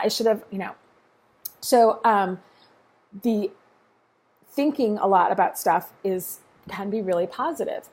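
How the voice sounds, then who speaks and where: A woman's voice: mid-range voice, darkish tone. A middle-aged woman coaching a group in a casual, frank and encouraging way, now and then swearing offhandedly.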